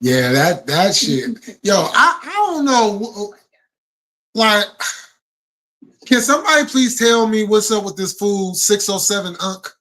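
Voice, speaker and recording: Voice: mid-range voice, big pitch swings, takes it slowly, fairly bright tone. Casual, slangy live stream host. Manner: informal, slangy, swearing. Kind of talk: casual live chat, talking to viewers.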